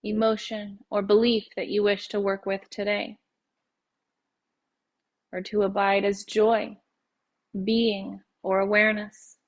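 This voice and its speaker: Guiding a meditation as a yoga nidra teacher, a woman speaks at a medium pitch with very even intonation. She phrases things slowly and leaves gentle pauses between instructions, and the recording sounds muffled.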